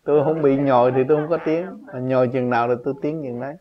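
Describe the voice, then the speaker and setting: A man's voice: steady tone, quick pace. Man, spiritual teacher, emphatic preaching, rhetorical questions, muffled lo-fi recording. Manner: emphatic, rhetorical questions, pitch jumps up on key points. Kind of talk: spontaneous religious teaching talk. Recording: dull lo-fi recording.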